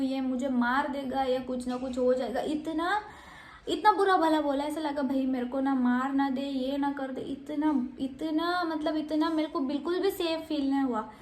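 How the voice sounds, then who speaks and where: High-voiced young woman in an echoey room. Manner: chatty, mixing English words into Hindi; acts out quoted lines in changed voices. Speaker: vlogger. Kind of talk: casual storytime vlog.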